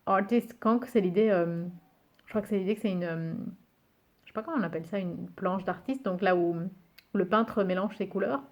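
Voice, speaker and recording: Woman host of a casual show-and-tell video: amused, musing aloud, halting over names, mid pitch. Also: lo-fi sound. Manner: hesitant, many fillers, muses aloud over names; reads English card titles slowly and carefully. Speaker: YouTuber presenting a card game.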